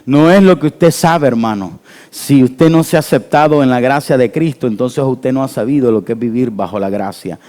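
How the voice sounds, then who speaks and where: A male pastor, preaching an animated sermon with call-and-response to his congregation. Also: medium pitch, normal speed. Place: church hall. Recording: church hall with long reverb.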